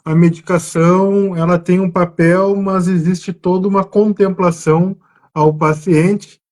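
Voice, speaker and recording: A psychiatrist from southern Brazil with a gaúcho Portuguese accent appears as a guest over a video call on a live stream, earnestly explaining his work in a conversational way with hesitant restarts. His voice is high-pitched, steady, unhurried and darkish in tone.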